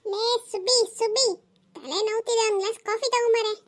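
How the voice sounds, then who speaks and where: A short-tempered middle-aged husband and father from a comedy cartoon. He grumbles and scolds in a very high pitch at a brisk pace. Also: fairly even intonation, a bit bright. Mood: grumbling scolding.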